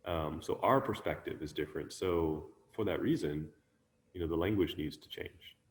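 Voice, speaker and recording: Low-voiced man giving a rambling dharma talk. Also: normal speed, big-room sound, slight background noise. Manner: relaxed, musing, with many ums and restarts. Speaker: Buddhist teacher. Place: online talk, sharing his screen.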